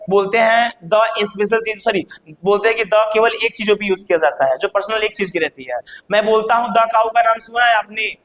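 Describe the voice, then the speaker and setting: A male teacher giving a grammar lesson, constantly asking his students rhetorical questions, spelling words out slowly and now and then raising his voice to stress a point. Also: sits high. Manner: calls students child, bursts louder to stress points. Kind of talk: classroom lesson.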